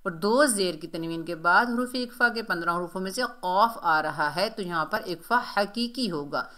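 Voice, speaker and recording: A woman's voice: fairly low pitch, normal speed, pushed and bright. A woman teaching Quran recitation rules. She explains patiently and corrects common mistakes. She drags out model syllables and repeats them several times. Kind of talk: slow step-by-step recitation lesson.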